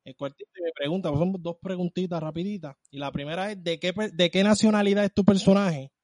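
High-voiced male podcast host. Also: steady tone, quick pace, darkish tone, dry recording, clean studio sound. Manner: chatty, playful, asks questions. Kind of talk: podcast interview chat.

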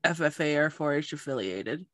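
A woman podcast host and journalist, chatting casually and telling a lively story, acting out the voices of the people in it. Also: low voice, moderate pace, no room sound. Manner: animated storyteller, acts out quoted voices.

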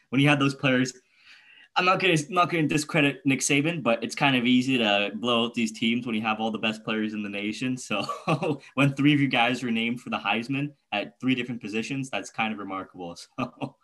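A man with an average-pitched voice co-hosts a sports podcast. He talks in a casual, conversational style, like a fan chatting with a friend. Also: a bit bright. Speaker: podcast co-host.

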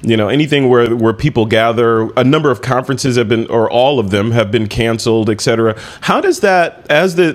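Laid-back guy hosting an interview, chatty, mid voice. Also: medium pitch. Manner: relaxed, chatty, laughing easily. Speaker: interview host. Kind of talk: casual interview.

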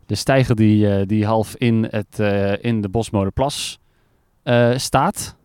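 A curious man chats his way through an outdoor report, tripping over words as he asks questions. His voice is smooth and resonant, and it sounds dry and close to the mic. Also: fairly low pitch, fairly even intonation, slow pace, darkish tone, no room sound. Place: lakeside jetty outdoors in rain.

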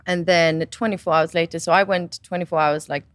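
A woman in her twenties tells a personal story in casual chat, her voice swinging up high and loud when she gets excited. She acts out what others said as she talks. The sound is close and dry. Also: fairly quick, no room sound. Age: 20s. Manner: animated storytelling, quoting others.

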